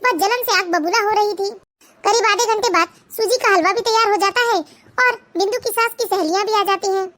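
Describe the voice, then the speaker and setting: A woman's voice: very high-pitched, brisk, a bit bright. A woman narrating a cartoon family story in a plain storytelling way.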